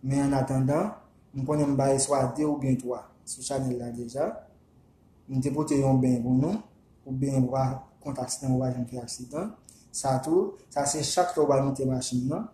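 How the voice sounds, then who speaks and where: A man with a Haitian accent, a vodou practitioner whose first language is Haitian Creole, giving casual spoken instructions in a halting, repetitive way and slowly chanting names. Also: mid-range voice, steady tone, dark tone, echoey room, slight background noise.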